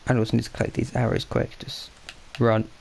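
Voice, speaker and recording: Talking through a game session, this gaming channel host sounds congested and speaks fairly quickly in a completely flat, slightly mellow, gravelly voice of ordinary pitch. His loose commentary keeps breaking off for self-corrections and muttered asides, over slight background noise.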